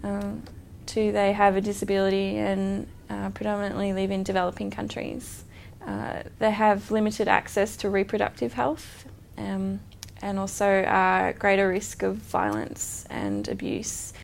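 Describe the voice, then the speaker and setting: Gravelly-voiced woman, hesitant. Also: mid-range voice, measured pace, slight background noise. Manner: hesitant, frequent fillers. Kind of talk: advocacy statement.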